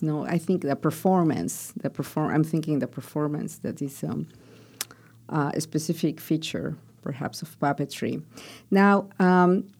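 A woman from Peru hosting a podcast interview, her voice sitting low. She asks long, thoughtful questions and often restarts them. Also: darkish tone. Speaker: podcast host.

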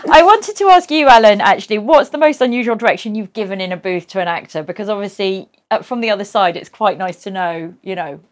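A woman's voice: mid-range voice, animated, quick pace, few pauses. A woman hosting a podcast, chatting and giving practical advice about voice work. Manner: chatty, advising. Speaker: podcast host, voice agent. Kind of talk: casual interview chat.

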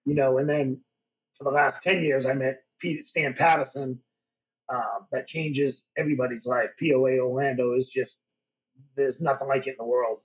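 A man's voice: medium pitch, moderate pace, low-quality recording. A man, a podcast guest, telling stories in a casual interview and acting out the dialogue. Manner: animated storyteller who acts out dialogue. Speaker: podcast guest, former pro wrestler. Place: podcast studio.

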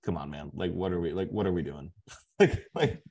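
A podcast co-host with a very deep voice talks hockey casually. He leans into his points, restarting and repeating words as he goes. It sounds like an informal chat among friends at the mic. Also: fairly quick, darkish tone. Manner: emphatic, repeats words while building a point.

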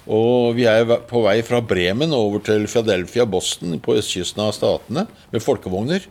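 An older man from Norway, a singer and preacher, tells a personal testimony in an unhurried storytelling manner, acting out his past thoughts as quotes and often repeating words. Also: on the low side, a little mellow. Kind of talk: personal testimony told in an interview.

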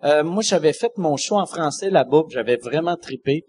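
A man's voice: a little high, moderate pace, a little hiss or hum. A man from Quebec with a Québécois accent, hosting a casual podcast chat and telling rambling stories. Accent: Québécois French. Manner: animated, rambling storyteller. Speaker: podcast host.

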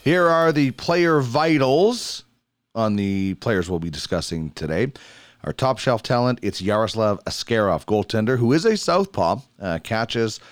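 A man's voice: medium pitch, big pitch swings, a little slow, clean tone, no room sound. A man from Alberta, Canada, hosting a hockey show and reading out player profiles and statistics. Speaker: hockey podcast host.

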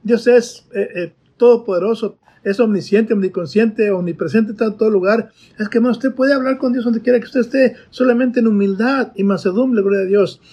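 Husky high-voiced man preaching. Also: brisk, hardly any pauses, dark tone. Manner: earnest, repeats "hermanos" and fillers. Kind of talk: sermon.

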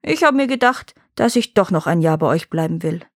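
A woman's voice: fairly low pitch, lively intonation, fairly quick, no echo, clean studio sound, pitched below the performer's own voice. A woman reading the lines of a cunning young peasant man who boastfully bluffs a dragon in a storybook tale. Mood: sly.

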